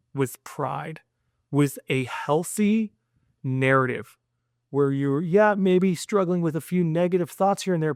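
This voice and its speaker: This is a man talking warmly and earnestly to his son, teaching a simple mindset lesson in a loose, long-winded way. His voice sits a touch higher than most men's. The sound is dry and close, with no room echo. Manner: earnest and long-winded, stringing thoughts with repeated "and"; gentle and encouraging, speaking directly to a child. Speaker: father addressing his son. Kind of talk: heartfelt spoken message and mindset lesson.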